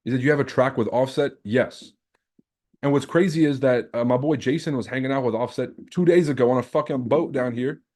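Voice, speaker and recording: A little fast and darkish in tone, this mid-range voice comes from a Lebanese man, natively Arabic- and French-speaking, who runs a trading livestream. He trades casual talk with live viewers, slangy and boastful, swearing as he goes.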